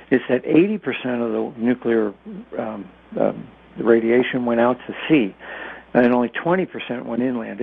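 Heard through a tinny, band-limited phone connection, an American man serves as an expert radio guest. His medium-pitched, creaky voice explains things informally, with stammers and hesitant beginnings.

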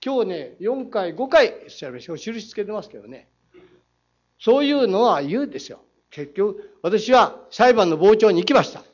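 Combative high-voiced council member, lo-fi. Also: male voice, very animated, normal speed, a little mellow. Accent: Saga. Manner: combative, reads quotes aloud, rhetorical challenges. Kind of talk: council floor questioning. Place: city council chamber. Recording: dull lo-fi council chamber audio.

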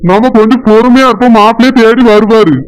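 A man voicing a patient village man in a cartoon, gentle and soothing, with a Tirunelveli Tamil accent. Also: extremely high pitch, steady tone, quick pace, background noise. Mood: calming. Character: patient village elder brother, calm peacemaker. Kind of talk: cartoon voice acting.

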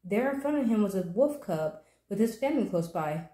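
A woman hosts a storytime channel and reads a children's picture book aloud with clear, steady narration. Her voice is mellow and soft rather than bright. A roomy echo surrounds the reading. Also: mid-range voice, fairly quick. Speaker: storybook reader, channel host.

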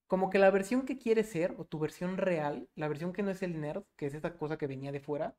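Animated Mexican man telling a story. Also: high-pitched, a little fast. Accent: Mexican Spanish. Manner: animated storytelling, swearing freely. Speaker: podcast co-host. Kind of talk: casual chat.

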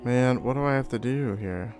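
A young man, a gamer playing a video game, mutters casual commentary in a medium-pitched, darkish voice at normal speed. His talk is crude, sweary and full of slang. Video game music plays behind his voice.

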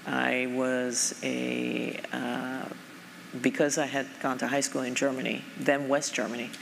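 A Japanese woman who serves as a foundation president talks onstage at a large conference in a very deep, monotone voice with a gravelly edge. Her manner is thoughtful and measured, full of fillers, and the recording has a reverberant hall sound with faint noise.

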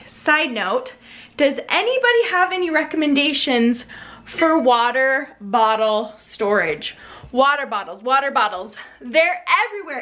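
Inside her home, moving between the kitchen and laundry area, a woman in her thirties vlogs while cleaning, her high-pitched, somewhat bright voice accompanied by background music and slight background noise. She talks casually to viewers, posing questions as if in conversation.

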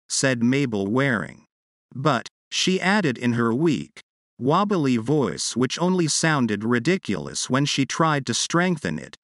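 A man reading a literary short story aloud as a measured narrator, slowing on key phrases. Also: mid-range voice, fairly bright tone, no room sound, studio quality. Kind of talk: scripted audiobook narration.

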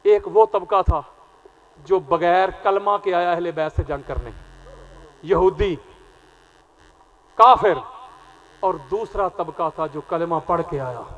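A man giving an impassioned Muharram sermon at an outdoor gathering, swinging between loud declamation and quiet lines. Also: high-pitched, slow pace, long pauses, muffled recording. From Pakistan. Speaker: religious preacher. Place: outdoor gathering at a market square.

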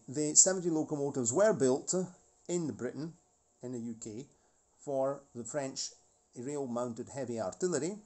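A man's voice: mid-range voice, darkish tone. A man in his forties hosting a model railway channel, talking casually and rambling about a model locomotive, with many restarts and asides. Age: 40s.

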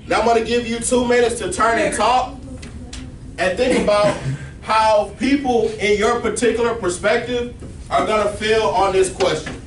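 Speaking at normal speed in a high-pitched voice, a man instructs his class and keeps asking "all right?" The recording comes from a camera far back in a large classroom full of students, sounding echoey and noisy.

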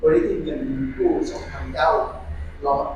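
A man's voice: moderate pace, darkish tone, echoey room, slight background noise, poor audio. A man in the audience asking a question.

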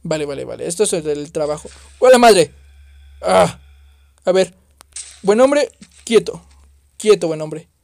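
A man's voice: a little high, moderate pace, creaky, long pauses, no echo. Jumpy gamer man, dry sound. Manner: excitable, jumpy, swears and exclaims at scares. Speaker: gaming youtuber. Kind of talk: horror game let's play commentary.

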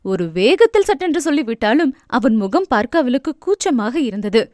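Woman narrator, novel reading, fairly high voice, dry close recording. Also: big pitch swings, brisk, a little mellow, dry recording. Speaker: audiobook narrator.

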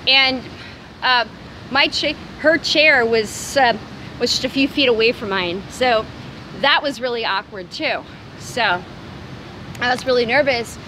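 A woman's voice: on the high side, a little slow, pauses often, bright, forceful tone, a little hiss or hum, rough recording. A woman in her thirties talks casually into a phone held at arm's length outdoors, rambling with fillers and restarts. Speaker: vlogger. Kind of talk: casual selfie vlog. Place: outdoors by city buildings.

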